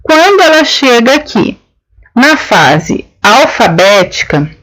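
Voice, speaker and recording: A woman's voice: a little high, very animated, slow pace, fairly bright tone, low-quality recording. A woman teaching a lesson, explaining each step patiently and checking in with her listeners. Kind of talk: explanatory lesson on children's writing.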